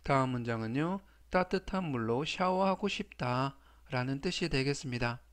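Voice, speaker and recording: A man's voice: medium pitch, animated, normal speed. A man teaching English vocabulary to Korean learners, who is a native Korean speaker. He explains each word politely and formally, then repeats it three times. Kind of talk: slow, deliberate vocabulary lesson.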